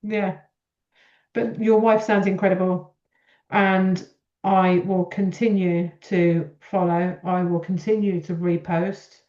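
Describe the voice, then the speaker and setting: A woman's voice: lowish voice, flat delivery, takes it slowly, dark tone. Encouraging woman in an echoey room. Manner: effusive, encouraging. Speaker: podcast host. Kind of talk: casual chat. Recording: echoey room, slightly dull audio.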